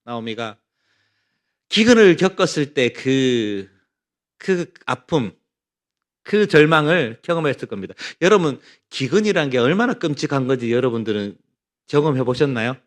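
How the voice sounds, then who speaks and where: A man's voice: mid-range voice, normal speed. A middle-aged male pastor from North Gyeongsang giving a Bible study sermon, telling stories and asking the congregation rhetorical questions. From North Gyeongsang, Korea. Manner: animated storytelling with rhetorical questions.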